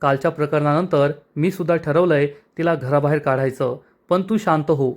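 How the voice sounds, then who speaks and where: A man's voice: fairly high pitch, moderate pace, lightly acted. A man voicing a proud, vengeful young woman in a retold serial, talking bitterly and threateningly.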